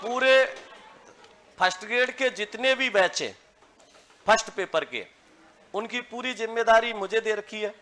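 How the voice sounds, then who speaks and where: A young man from India teaching Hindi grammar in a classroom lecture, slowly repeating rules for students to write down. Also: sits high, pushed and bright, a little hiss or hum.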